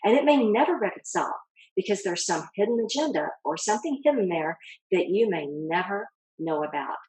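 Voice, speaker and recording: A woman giving a calm motivational talk as a self-help speaker, coaching the listener directly and asking rhetorical questions. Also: mid-range voice, a little fast, breathy edge, poor audio.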